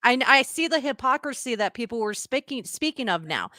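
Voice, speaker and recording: A woman's voice: on the high side, big pitch swings, fairly quick, bright, forceful tone, no room sound. A woman with a Spanish accent on a podcast livestream, speaking in an upset, emphatic way and often repeating herself. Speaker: podcast co-host. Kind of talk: heated livestream discussion.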